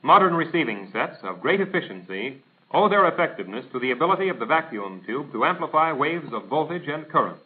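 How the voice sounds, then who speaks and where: A fairly high, very animated male voice moves a little fast through scripted instructional narration. The American speaker is formal, precise and didactic, echoing a 1940s military training film, and the recording has the thin, band-limited quality of a 1940s soundtrack.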